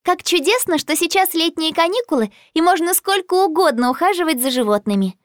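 A woman voicing an enthusiastic young girl who loves animals, speaking in a high, sing-song, excited way. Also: fairly quick, dry recording, clean studio sound. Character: enthusiastic curly-haired girl, animal lover.

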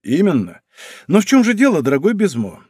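Man reading as a teasing musketeer captain, brisk and bantering, animated, audiobook. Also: sits high, dry recording, studio quality, pitched above the performer's own voice, full character voice. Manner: brisk, bantering, rough-affectionate.

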